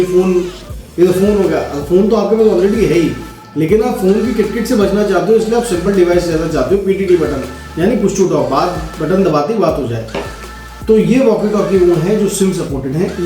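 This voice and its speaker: This product demonstrator has a high voice with a dark tone. He explains each step casually and instructively, addressing viewers directly and checking in with them often, while the room echoes and faint music plays.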